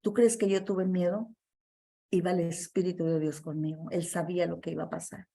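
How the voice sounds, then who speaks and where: A woman's voice: fairly low pitch, flat delivery, fairly quick, vocal fry, mellow. A woman preaching a sermon and telling a testimony in an earnest, emphatic way, with many fillers and restarts.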